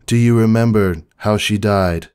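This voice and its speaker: A man voicing a stoic young female pony, an elder sister, with a firm deadpan delivery in a fan fiction reading. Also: deep voice, normal speed, smooth, close to an everyday voice. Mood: stern.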